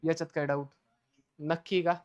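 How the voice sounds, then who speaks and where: A male chemistry teacher with a Marathi accent, lecturing a classroom. He keeps asking the class questions and answering them himself, and dictates English definitions slowly. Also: fairly high pitch, little pitch movement, dull audio.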